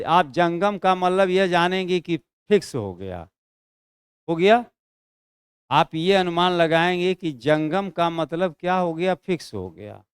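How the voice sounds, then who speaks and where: A male teacher giving an exam-prep Hindi class online, dictating slowly, drawing out and repeating words and checking in with his students. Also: a little high, smooth, no echo, studio quality.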